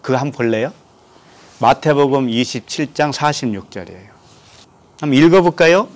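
Male pastor from Korea, mid-pitched, preaching; reads scripture and asks the congregation questions. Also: normal speed. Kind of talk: sermon.

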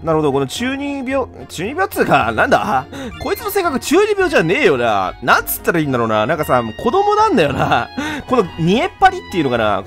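A man casually commentating a silly role-playing game, full of energetic wisecracks and retorts. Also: a little high. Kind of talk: let's play commentary.

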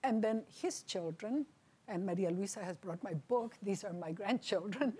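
A woman's voice: mid-range voice, a little mellow, slight background noise. An older woman from Chile whose first language is Spanish, giving a conversational academic presentation in a lecture hall and checking in with her listeners. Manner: conversational, checks in with "right?" and "okay?". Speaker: lecturer on bilingualism.

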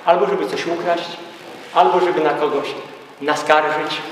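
A man's voice: fairly high pitch, steady tone, moderate pace, a little hiss or hum. A man lecturing to a live audience in an emphatic way, throwing out rhetorical questions. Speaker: speaker at a gathering. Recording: echoey hall from far off.

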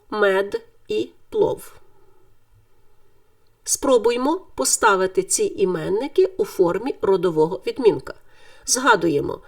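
A woman teaching a Ukrainian grammar lesson in clear, deliberate scripted speech, stressing the word endings. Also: medium pitch, distant mic.

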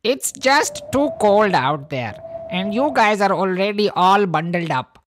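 A woman voicing a frail elderly man, a gentle grandfatherly neighbor who asks a polite favor hesitantly. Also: medium pitch, animated, measured pace, a little hiss or hum, natural voice. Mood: pleading.

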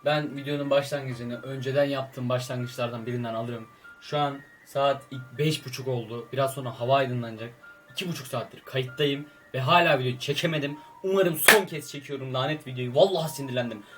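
A man giving casual commentary while playing a mobile game at home late at night, talking in a tired, low-energy, rambling way. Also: fairly quick, distant mic, music in the background.

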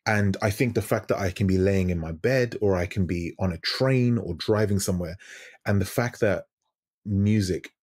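Deep husky man on a video call. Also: moderate pace, a little mellow, dry recording. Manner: reflective, searching for words, restarts. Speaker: guest DJ. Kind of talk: casual podcast interview. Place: home room with lit wall.

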